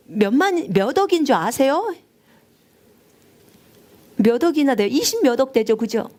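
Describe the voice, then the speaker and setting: A woman missionary preaching a sermon, telling her story with strong emotion, at times rising high and near tears. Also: darkish tone. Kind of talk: live-streamed sermon testimony.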